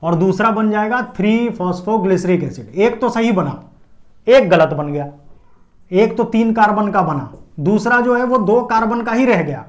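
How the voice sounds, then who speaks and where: A man's voice: sits high, expressive, moderate pace. A man teaching a biology lesson at a board, explaining step by step and asking and answering his own check questions. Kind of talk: classroom lecture at a board.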